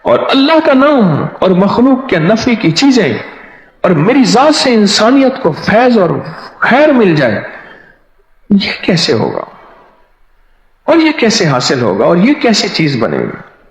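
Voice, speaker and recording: Animated male preacher in an echoey hall. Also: high voice. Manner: animated storyteller who acts out other people's words. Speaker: spiritual preacher. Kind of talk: storytelling sermon. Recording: echoey hall, dull lo-fi sound.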